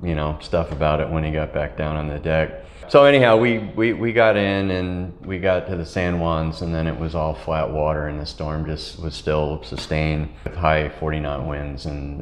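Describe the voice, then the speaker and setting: Deep-voiced man, rambling sea captain. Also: steady tone, moderate pace, hardly any pauses, roomy sound, slight background noise. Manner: rambling, laughs while telling stories. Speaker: tall ship captain. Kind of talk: casual storytelling interview. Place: wood-paneled ship cabin. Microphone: lapel mic.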